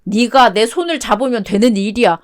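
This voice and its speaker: A whiny, clingy ex-husband in a storybook radio drama, as a woman reader puts him on. He pleads and wallows in self-pity, desperate to be taken back. The voice sits fairly high. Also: lively intonation, brisk, close to an everyday voice. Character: whiny cheating ex-husband, middle-aged man, desperate. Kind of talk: one-voice radio drama reading.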